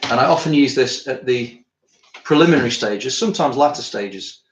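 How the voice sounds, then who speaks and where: A British man, an artist working in his studio, chats casually on a live stream in a mid-range voice with lively intonation at normal speed. He rambles and thinks aloud, a bit tired after climbing, in a roomy space with faint background noise.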